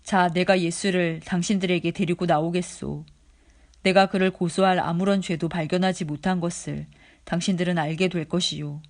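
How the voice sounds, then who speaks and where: Stern male Roman governor in a scripture reading, formal, even delivery, voiced by the reader. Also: medium pitch, normal speed, lightly acted.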